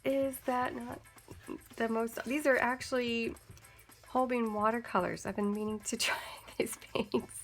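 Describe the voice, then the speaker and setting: A woman's voice: on the high side, unhurried, faint music behind. Gushing, giggly woman unboxing art supplies. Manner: gushing, excitable, breaks into giggles. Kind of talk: casual unboxing vlog.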